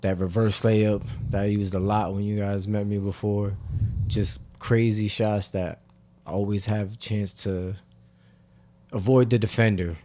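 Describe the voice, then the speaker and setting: A young man co-hosting a podcast, telling a story in a relaxed, casual way with fillers. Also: fairly low pitch, measured pace. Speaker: podcast co-host. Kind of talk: casual chat.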